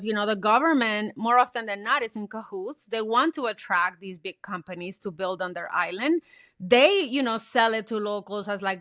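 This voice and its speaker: A woman's voice: fairly high pitch, bright, forceful tone, no echo, clean studio sound. A woman author from the Dominican Republic, answering interview questions in an earnest, reflective way that builds to passionate points. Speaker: author guest. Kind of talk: podcast interview.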